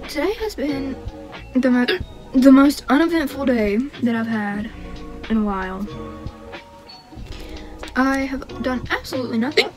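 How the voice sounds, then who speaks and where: A woman's voice: sits high, rough recording. A young woman chatting casually in a home vlog, bubbly and giggly, hiccuping now and then. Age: young adult. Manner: chatty and bubbly, with frequent giggles and filler words. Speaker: vlogger. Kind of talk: casual chat. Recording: background music under the voice.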